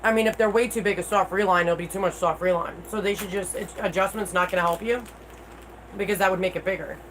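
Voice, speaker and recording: A woman's voice: medium pitch, steady tone, fast, a little hiss or hum, low-quality recording. A middle-aged woman with toothless-sounding speech, chatting candidly and informally as she hosts a casual livestream and replies to viewers. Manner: candid, informal, mild swearing. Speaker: livestream host.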